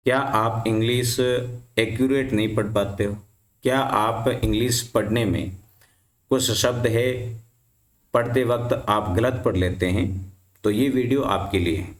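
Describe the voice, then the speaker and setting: A man's voice: mid-range voice, fairly even intonation, a little slow. Man teaching in an echoey room. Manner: repeats questions to the class and answers them himself. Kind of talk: explaining English reading rules to students.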